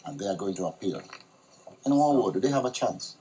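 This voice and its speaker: A man hosting a studio talk show, reading a news report in a measured, formal way. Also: fairly low pitch, lively intonation, warm tone, slightly rough, rough recording.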